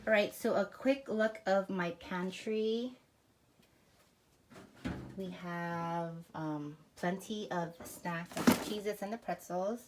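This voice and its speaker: A woman's voice: medium pitch, slow pace, background noise. A woman vlogger casually showing her fridge, pantry and garage freezer, slightly out of breath after a workout and filling her talk with "like" and "um.". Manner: chatty, lots of fillers like "like" and "um". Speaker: family vlogger. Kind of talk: casual home tour narration. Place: home kitchen, pantry and garage.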